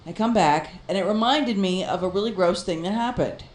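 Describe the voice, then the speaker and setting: A woman co-hosting a casual chat, telling a story in an animated way and laughing often. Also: medium pitch, a little fast, reverberant. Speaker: podcast co-host.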